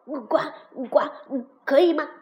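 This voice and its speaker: A woman voicing a small, sly male frog who croaks between his pleading phrases in a storybook. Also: high voice, measured pace, dull audio. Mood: coaxing.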